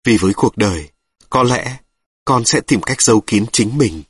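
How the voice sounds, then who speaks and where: A man reading reflective prose aloud in slow, measured scripted narration. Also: lowish voice, animated, breathy edge, no echo, studio quality. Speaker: reader of an audiobook.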